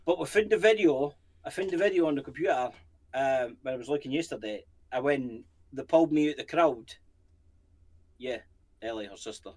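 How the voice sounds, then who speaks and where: A man's voice: mid-range voice, moderate pace, a little mellow. A Scottish man co-hosting a paranormal channel, chatting casually in a rambling, jokey way and swearing freely. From Scotland. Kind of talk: casual chat.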